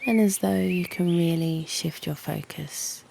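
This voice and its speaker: In a soothing, breathy near-whisper, a British meditation guide and channel host leads a slow yoga nidra session, leaving long pauses between short phrases. Her voice sits low and the audio is poor, with faint background noise, birdsong, and soft nature ambience.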